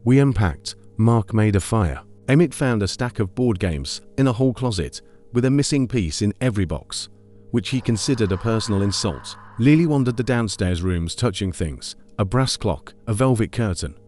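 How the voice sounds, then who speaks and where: Low-pitched man narrating a scary story. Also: lively intonation, normal speed, darkish tone.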